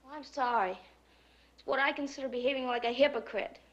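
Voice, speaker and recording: A woman acts out a teenage daughter in a screen drama. Her voice is very high, with a blunt, argumentative delivery that sounds defiant and hurt. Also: brisk, muffled recording, lightly acted. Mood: indignant.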